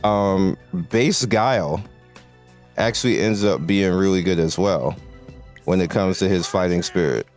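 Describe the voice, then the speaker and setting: A mobile game content creator who is losing his voice gives laid-back, slangy game commentary with lots of restarts. His voice sits low with a darkish tone and a measured pace, and faint music plays behind him.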